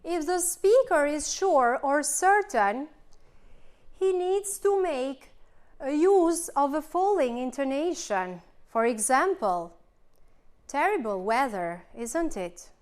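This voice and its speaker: A woman teaching a recorded English grammar lesson with an Albanian accent, slowly explaining rules and reading out example sentences. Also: sits high, animated, darkish tone.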